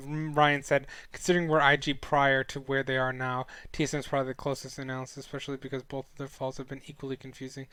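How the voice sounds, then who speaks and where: This esports analyst, a young man doing his weekly casual stream review, rambles chattily with lots of fillers and self-corrections as a sore throat starts stealing his voice. He sounds fairly high-pitched and fairly bright, smooth, with no echo.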